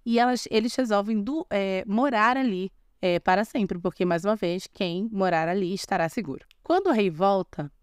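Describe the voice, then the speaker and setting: A young Brazilian woman retells a fairy tale in a loose, chatty way, breaking off for sarcastic asides and restarting her sentences. Her voice is smooth and clear. It sounds dry and close on a podcast mic. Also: medium pitch, moderate pace, hardly any pauses, dry recording. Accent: Brazilian Portuguese. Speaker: podcast host. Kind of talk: casual storytelling with commentary.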